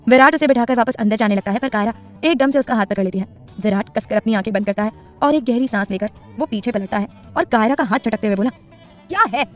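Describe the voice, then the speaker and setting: Brief: quick, somewhat high-voiced woman narrator for a romance serial, soft music behind. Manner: reads with expressive dialogue voices. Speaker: storyteller. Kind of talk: scripted story narration.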